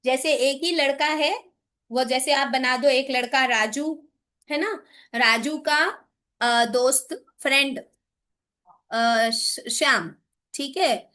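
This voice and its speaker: A woman with an Indian English accent teaches a classroom lecture as a teacher trainer, explaining patiently and frequently checking that her listeners follow. Her voice sits high and sharp, slow and full of pauses.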